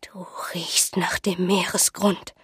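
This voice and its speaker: A woman voicing an eerie old village woman who speaks in a slow, breathy whisper of omens. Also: medium pitch, dry recording, clean studio sound, exaggerated voice. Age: over 60. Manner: slow, ominous, sniffing. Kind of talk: audiobook reading.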